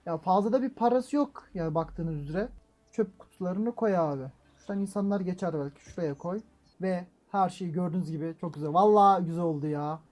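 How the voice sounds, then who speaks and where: A man hosting a gaming channel, commenting on his own play as he goes, muttering to himself and breaking into loud frustrated exclamations and mild swearing. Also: high voice, a little fast. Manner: talks to himself while playing, excitable, frequent exclamations and mild swearing; swings between calm muttering and loud frustrated outbursts. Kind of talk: let's-play gameplay commentary.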